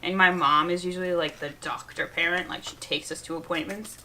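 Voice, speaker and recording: Bright-voiced young woman telling stories. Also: on the low side, fairly quick, slight background noise. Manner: lively, lots of "like", laughing through stories. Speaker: co-host, sister. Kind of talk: casual storytelling chat.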